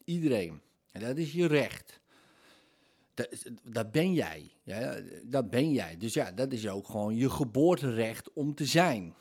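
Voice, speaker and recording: A man hosting a solo podcast, talking reflectively and candidly, pausing often with fillers as he searches for words. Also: mid-range voice, very animated, a little mellow. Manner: candid and self-mocking. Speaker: podcast host.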